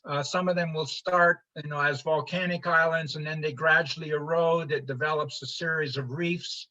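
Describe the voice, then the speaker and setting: An older man from Honduras giving an informal slide lecture, halting with many fillers and restarts. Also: on the high side, steady tone, bright, forceful tone. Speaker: presenter. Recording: muffled lo-fi livestream audio.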